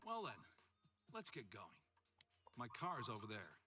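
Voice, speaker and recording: A man voicing a gruff middle-aged detective uncle in a video game, speaking in a plain, matter-of-fact way. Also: mid-range voice, huge pitch swings, measured pace, music in the background. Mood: steady. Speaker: game character.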